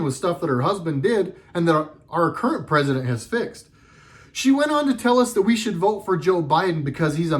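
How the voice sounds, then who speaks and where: A middle-aged man delivering a sarcastic, heated political commentary monologue with lots of emphasis. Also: a little high.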